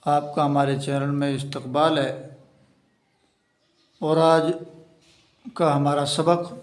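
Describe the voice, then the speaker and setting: A man leads a patient reading lesson, breaking each letter down and repeating the sounds so learners can follow. His voice sits a little high for a man. The room around him is noticeably echoey. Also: flat delivery. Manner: spells out letter sounds slowly and repeats them. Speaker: Urdu reading teacher. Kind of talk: slow step-by-step reading lesson.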